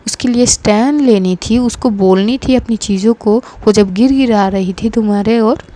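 A stern older sister who lectures in a reproachful tone, voiced by a woman telling the story. Her voice sits a little high but sounds mellow and dark. This is a spoken storybook scene. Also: normal speed, close to an everyday voice. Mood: scolding.

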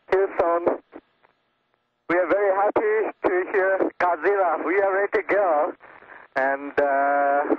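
A man, an astronaut speaking slowly and carefully over a crackly space-to-ground radio transmission. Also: a little high. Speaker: astronaut in orbit. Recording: muffled, noisy radio downlink.

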